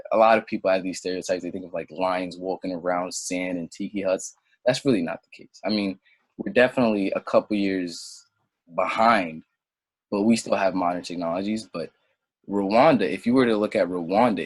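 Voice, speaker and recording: His voice is on the low side and a bit rough, recorded without any room sound. This young native French speaker, brought up in Senegal, rambles uncertainly through a casual interview and then veers into heated digressions.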